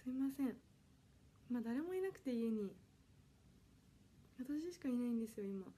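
A slightly high, warm voice with lively intonation and a moderate pace belongs to a Kanagawa woman of twenty. She runs a casual idol audition livestream alone from her home, indoors. Reading comments from viewers, she talks politely and apologizes repeatedly.

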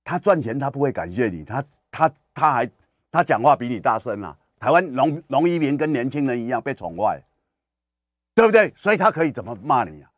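Lively, ranting radio host. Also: male voice, medium pitch, fairly quick, no room sound, clean studio sound. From Kinmen, Taiwan. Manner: animated, ranting, sarcastic. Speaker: radio talk show host. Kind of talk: political commentary radio talk.

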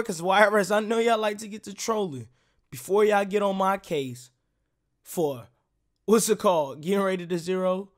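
A man's voice: high voice, fairly bright tone, no room sound, studio quality. A young man from Queens, hosting a casual outdoor street interview with slangy, hyped banter into a handheld mic. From Queens, New York. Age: young adult. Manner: hype, slangy, repeats filler tags. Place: outdoor festival field. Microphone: handheld mic held close.

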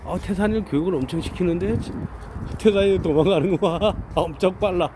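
A man's voice: sits high, fairly quick, dark tone, a little hiss or hum. A man filming his dogs, giving a chatty running commentary and calling out to them between laughs. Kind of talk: casual running commentary to camera.

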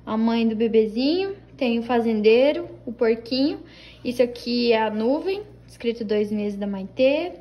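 A young Brazilian woman chatting to her viewers at home, her voice a little on the high side. She talks casually and warmly to the camera, sprinkling in cute little diminutives. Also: animated, normal speed, lo-fi sound. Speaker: vlogger. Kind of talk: casual vlog chat.

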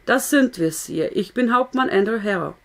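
A stern army captain, read by a woman, firm and formal, holding his voice steady. It comes across close to the reader's own voice in a storybook reading. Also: mid-range voice, normal speed, vocal fry. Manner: firm and loud, careful to sound neutral.

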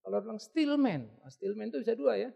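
A man's voice: sits high, very animated, fast talker, gravelly, warm tone, breathy edge, muffled recording. A male pastor giving a sermon in a blunt, joking, direct way.

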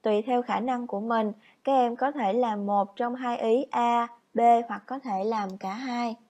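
A woman teacher narrating a scripted lesson for children, instructive, reading example sentences out slowly like dictation. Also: a little high, fairly even intonation, darkish tone. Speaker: primary school teacher. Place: voice-over on lesson slides.

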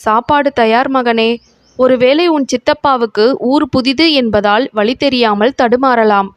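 A woman's voice: a little high, fairly even intonation, measured pace, dry recording, close to an everyday voice. A woman voicing a poor widowed mother who questions things with suspicion. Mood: motherly.

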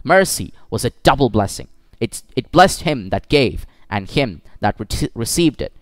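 Male storyteller for schoolkids, lively intonation, smooth, dry close sound. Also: mid-range voice, moderate pace, dry recording. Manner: expressive storytelling with occasional slips.

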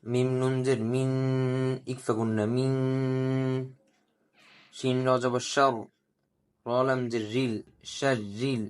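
A man teaching Quran recitation, spelling out letters and vowel marks and repeating each syllable slowly, with drawn-out melodic chanting of the verses. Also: mid-range voice. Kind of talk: slow letter-by-letter recitation lesson.

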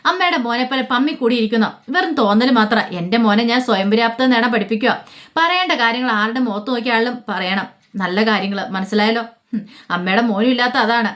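A woman's voice: on the high side, fast, fairly bright tone, natural voice. A woman voicing a defiant young wife who answers back with cutting, mocking replies, in a spoken storybook.

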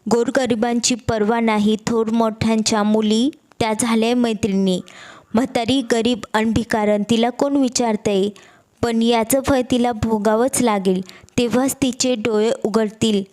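A wronged old beggar woman, really a goddess in disguise, pours out a bitter scolding, read by a woman storyteller. The voice sits somewhat high and the tone stays plain and even, like a devotional storybook read aloud. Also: unhurried, lightly acted. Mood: indignant.

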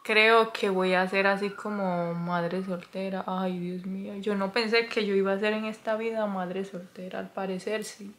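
A young woman talking to her phone camera in a casual confessional vlog, chatty and dramatic, with nervous laughs and soft murmured asides. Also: medium pitch, fairly even intonation, normal speed, hardly any pauses, a little hiss or hum. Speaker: vlogger.

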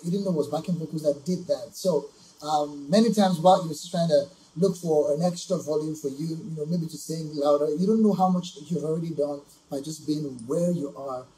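A man's voice: on the high side, a little fast, dark tone, reverberant, slight background noise, poor audio. A man co-hosting a vocal reaction show, earnestly explaining music production in casual chat. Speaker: music coach co-host.

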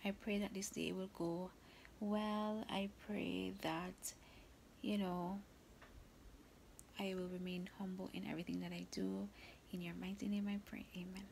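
A woman vlogger in her morning voice, speaking in a soft, unhurried whisper through a casual vlog and a spoken prayer. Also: medium pitch, flat delivery, a little hiss or hum. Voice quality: morning voice, gravelly.

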